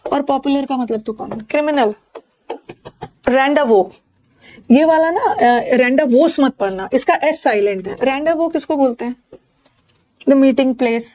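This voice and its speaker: A woman's voice: on the high side, a little mellow. A woman with an Indian accent teaching English synonyms in a live online class, explaining each word with jokes and memory tricks.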